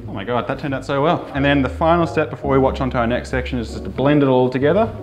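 A man's voice: mid-range voice, fast talker, over music. A young man giving a casual instructional commentary for a vlog as he demonstrates painting. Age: young adult. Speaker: vlogger demonstrating a painting tutorial.

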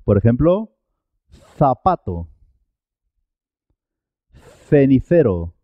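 Man, language teacher, very slow, carefully enunciated, dry dull lo-fi recording. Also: mid-range voice, very animated, no room sound. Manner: drawn-out, carefully enunciated model words. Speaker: Spanish teacher. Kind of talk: slow, clear pronunciation lesson.

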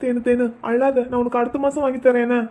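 A woman voicing a gentle, awkward boy cousin in a cartoon, talking in a hesitant, placating way. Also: a little high, flat delivery, fast, natural voice. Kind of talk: cartoon voice acting.

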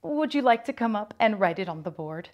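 A woman's voice: medium pitch, lively intonation, fairly quick, close to an everyday voice. A woman reading aloud and voicing a patient, hopeful classroom teacher who encourages her students. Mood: encouraging.

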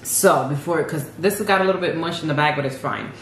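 A woman co-hosting a casual food vlog, talking excitedly to viewers and calling them y'all. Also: low-pitched, fast talker, reverberant, a little hiss or hum. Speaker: channel co-host. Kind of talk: casual mukbang vlog chat.

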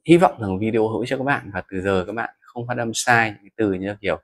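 A man with a Vietnamese accent teaching English pronunciation, stretching out example words slowly between explanations. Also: fairly low pitch, fairly bright tone, no room sound. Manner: slow, drawn-out model words between explanations. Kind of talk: pronunciation lesson.

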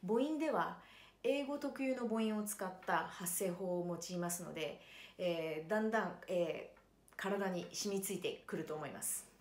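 A woman introducing her jazz vocal pronunciation lessons in a calm, explanatory way, often pausing with fillers and slowing down to model English words. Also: on the low side, reverberant.

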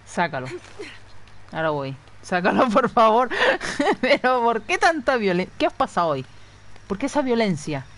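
A woman's voice: fairly high pitch, big pitch swings, normal speed. A woman chatting casually and swearing freely as she streams a video game. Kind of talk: casual live gameplay commentary.

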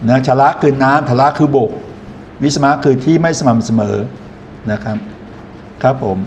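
A man's voice: medium pitch, moderate pace, a little mellow, slight background noise. A man lecturing in an explanatory way, often posing questions to his listeners and then answering them himself. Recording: echoey room, faint ambience.

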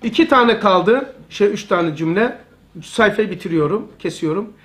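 A man's voice: high-pitched, lively intonation, normal speed, fairly bright tone. A man teaching a religious study lesson to a live circle of listeners, talking conversationally and repeating key phrases for emphasis.

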